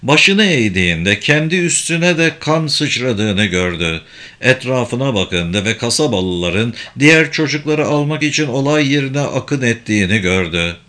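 A man narrating an audiobook in a measured, somber reading. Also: medium pitch, expressive, bright, forceful tone.

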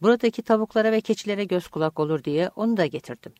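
A man's voice: sits high, racing, darkish tone, no echo, clean studio sound, voice pushed up, natural voice. A woman reading the part of a kindly, good-humoured middle-aged uncle in an audiobook. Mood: friendly.

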